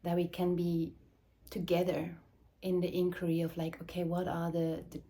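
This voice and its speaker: A woman from Switzerland, speaking English as an in a slow, searching, reflective address, often dropping into soft whispers. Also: lowish voice, monotone. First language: Swiss German or Dutch. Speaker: mother and movement teacher. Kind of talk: reflective spoken address to camera.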